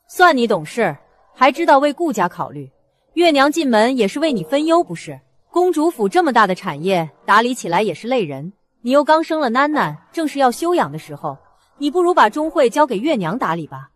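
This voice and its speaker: A woman's voice: a little high, big pitch swings, normal speed. An actress playing a domineering elderly noblewoman in a period drama, with an imperious, self-satisfied manner. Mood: smug. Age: older. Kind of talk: Chinese period short-drama acting.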